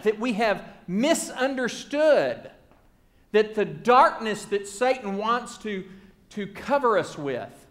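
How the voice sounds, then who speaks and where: A man preaching from the pulpit in a notably high voice. He builds his points through earnest, rhythmic repetition. He often lets a phrase sink down to a soft hush at its close. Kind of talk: sermon.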